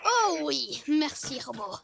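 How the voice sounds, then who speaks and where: An actor voicing a boastful young villain inventor in a French cartoon, gloating with slow, theatrical menace. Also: sits high, very animated, gravelly, background noise, heavily acted. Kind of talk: French animated series dubbing.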